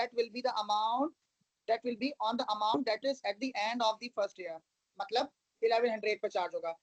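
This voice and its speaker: A woman's voice: on the high side, no echo, rough recording. A woman teaching a math lesson, explaining each step patiently and checking that her students follow. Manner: patient, step-by-step, calls listeners "beta" and asks check questions. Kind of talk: recorded math lesson, mixing English into explanations.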